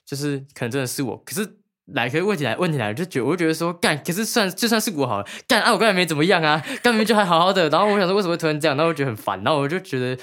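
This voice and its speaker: A man's voice: on the high side, expressive, racing, a bit bright. A young man co-hosting a casual couple's podcast, retelling things in a rambling, defensive way. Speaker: podcast co-host.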